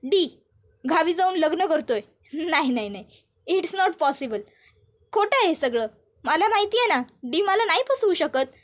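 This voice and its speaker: A woman voicing a spoiled, frantic young woman who fires off shrill, demanding questions. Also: sing-song, unhurried, heavily acted. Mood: defiant.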